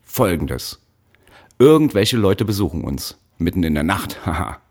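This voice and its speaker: A man voicing a brutal factory overseer who shouts threats at child workers. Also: deep voice, lively intonation, a little slow, breathy edge, heavily acted. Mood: falsely sweet. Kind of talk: audiobook character voice.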